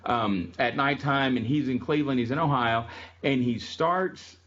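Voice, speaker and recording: A man's voice: medium pitch, normal speed, fairly bright tone, muffled recording. A man giving a casual classroom lecture on music history, telling stories in a chatty way with frequent ums.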